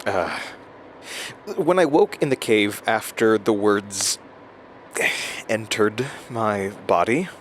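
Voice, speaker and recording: In an audio drama, an actor plays a rattled, self-doubting man talking to himself as he records a halting, stammering journal. His voice sits fairly low, over a steady noise like the inside of a moving car.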